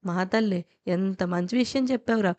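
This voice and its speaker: A woman voicing an affectionate middle-aged mother who speaks in a warm, doting way. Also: medium pitch, brisk, close to an everyday voice.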